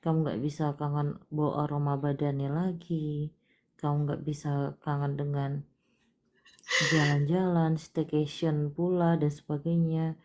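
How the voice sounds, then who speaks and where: A woman hosting a live palm-reading stream, talking to a caller in a coaxing way and often dropping to a hushed voice. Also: sits low, flat delivery, a little slow. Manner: coaxing, repeatedly urging the caller to cry; drops to soft, hushed delivery.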